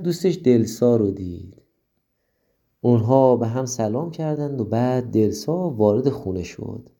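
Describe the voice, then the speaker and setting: Mellow-voiced man telling a children's story. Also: mid-range voice. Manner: gentle, addresses the young listener directly.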